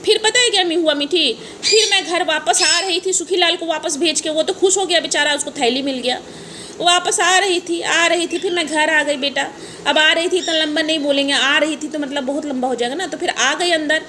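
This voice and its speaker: A woman's voice: high-pitched, moderate pace, bright, forceful tone. A woman telling a playful, teasing story to her pet parrots, sing-song and repetitive. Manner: sing-song, teasing, repeats phrases, laughs while talking. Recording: noisy home recording.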